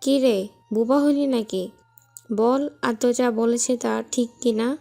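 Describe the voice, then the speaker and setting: Actress as domineering aunt, gravelly, contemptuous, music bed. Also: female voice, a little high, fairly even intonation, a little slow, mellow. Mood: scolding. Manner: scolding, contemptuous. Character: harsh domineering aunt of the household.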